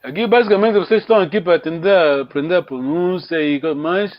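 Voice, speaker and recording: A man leads an online language lesson, sounding out each word slowly and patiently. His voice sits a little high. The audio is muffled and lo-fi, as over a call. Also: dry recording. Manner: patient, repeats words slowly for students. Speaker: language teacher.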